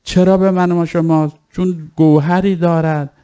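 A man's voice: a little high, little pitch movement, warm tone, smooth. A man preaching a religious sermon. He moves between formal reading and casual explanation, and urges his listeners earnestly. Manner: earnest, exhorting.

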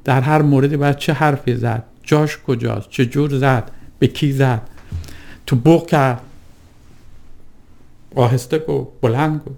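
Gravelly man giving a reflective religious talk. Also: mid-range voice, fairly even intonation, a little mellow. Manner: deliberate, rhetorical, piles up lists and questions.

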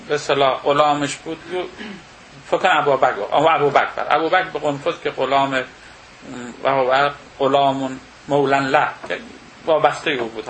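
Man slowly reading and explaining a text. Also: a little high, a bit bright, slight background noise, low-quality recording. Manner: reads a passage slowly, then paraphrases it casually; thinking aloud with pauses and self-corrections. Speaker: lecturer.

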